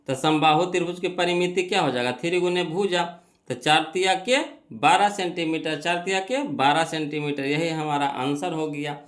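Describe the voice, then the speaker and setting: A young male math teacher with a fairly high voice. He walks through each exam problem step by step, putting questions to himself, answering them, and repeating key phrases. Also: fairly even intonation, normal speed, a bit bright. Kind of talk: exam-prep math lesson.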